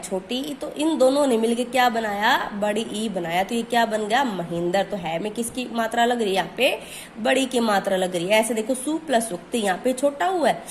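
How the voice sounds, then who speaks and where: A woman's voice: fairly high pitch, a little hiss or hum. A woman teaching a grammar lesson, who asks questions and answers them herself and stretches out key words.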